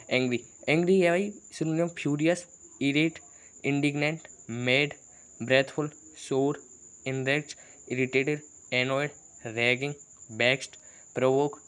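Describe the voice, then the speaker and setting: Guy teaching exam vocab, chatty and teasing, rattling off word lists, middle pitch. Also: unhurried, long pauses, fairly bright tone, clean tone. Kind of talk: exam-prep vocabulary lesson.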